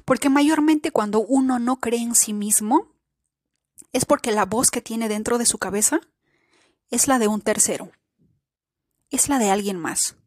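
A woman's voice: fairly high pitch, a little slow, pauses often, darkish tone, dry recording, studio quality. A woman hosting a spiritual self-help podcast, speaking earnestly and posing many rhetorical questions to the listener. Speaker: podcast host. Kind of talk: reflective spiritual podcast talk.

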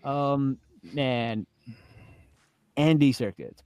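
Male co-host, mid pitch, energetic and slangy, dry close-miked sound. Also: very slow, clear, resonant tone, no echo. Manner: enthusiastic, laughs often, uses slang like "yo" and "bro". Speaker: podcast co-host. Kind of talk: casual chat.

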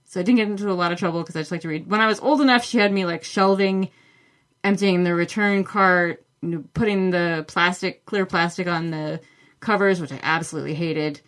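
A woman with a voice on the low side, steady in tone, brisk and fairly bright, hosts a book podcast on her own. She chats casually and enthusiastically through listener questions, using many fillers.

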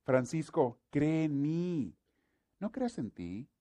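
A man's voice: on the high side, very animated, slow, mellow, pitched above the performer's own voice. A man preaching a sermon gives voice to God, a mighty, commanding male divine presence who talks in solemn, proclaiming phrases and keeps repeating one name.

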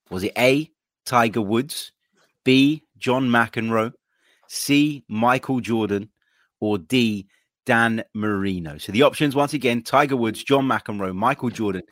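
Brief: English man, podcast host, lowish voice, tight dry mic, steady quiz-master delivery. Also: no room sound. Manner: runs the quiz and steers the segments. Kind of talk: casual podcast hosting.

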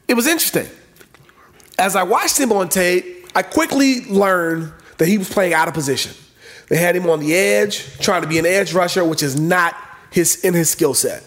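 A man's voice: high-pitched, fairly bright tone. Upbeat man hosting a sports talk show. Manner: upbeat, affirming, hosts transitions.

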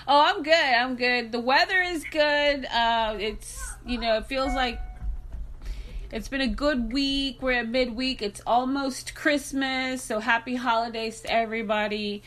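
A woman's voice: high voice, measured pace, fairly bright tone. Bubbly woman hosting a podcast. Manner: upbeat, bubbly, lots of fillers. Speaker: podcast host. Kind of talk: casual interview chat.

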